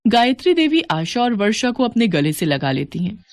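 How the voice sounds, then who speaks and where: A woman narrating a family story in a steady, even storytelling manner. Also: fairly high pitch, moderate pace.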